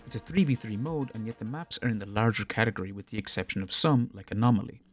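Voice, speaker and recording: A man reading a scripted, measured commentary on game balance for a gaming video. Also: fairly low pitch, expressive, fairly bright tone, faint music behind. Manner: measured, explanatory.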